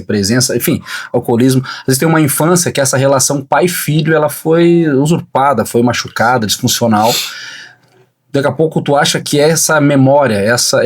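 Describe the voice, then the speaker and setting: Measured male podcast interviewer. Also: mid-range voice. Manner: measured, reflective, lots of filler words. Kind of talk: thoughtful interview questions.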